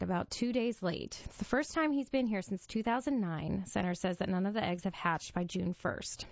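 A woman with a mid-pitched voice reads in a nature documentary style. Her delivery is measured and clearly scripted, like an article read aloud. The recording is dry and slightly dull, with a lo-fi finish. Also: no echo. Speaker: volunteer-style magazine reader for a radio reading service.

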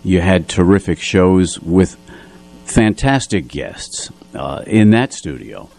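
Speaking into a studio radio mic, this male announcer and co-host introduces the show with effusive, casual chatter, repeating himself for emphasis. The voice is deep, sing-song and a little mellow, creaky, and he takes it slowly.

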